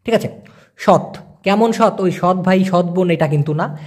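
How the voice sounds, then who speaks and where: High-voiced man teaching words patiently. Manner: explains patiently, repeats words slowly, asks "clear?". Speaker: language teacher. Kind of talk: casual spoken language lesson.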